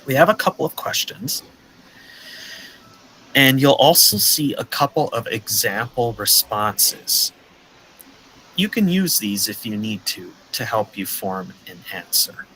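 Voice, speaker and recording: A man from the teaching a beginner English class over a video call, patient and clear, with a friendly welcoming manner. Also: mid-range voice, big pitch swings, measured pace, pushed and bright, slight background noise, low-quality recording. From United States, Minnesota. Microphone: video call headset or webcam mic.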